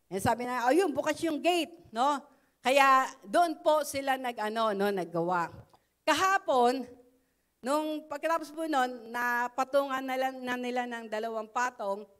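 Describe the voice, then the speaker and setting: Filipino lady, middle-aged, slightly high voice, telling her church testimony all chatty with lots of "no?". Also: unhurried, a bit bright. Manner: conversational, frequent "no?" tags and fillers. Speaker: church member giving testimony.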